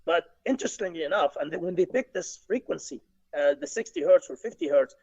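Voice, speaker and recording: Engineer on a dull video call, higher voice with gravelly fry, restarts often. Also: male voice, expressive, fairly quick, darkish tone. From Egypt. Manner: explanatory, many restarts and fillers. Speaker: guest engineer. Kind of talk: webinar discussion. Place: home office.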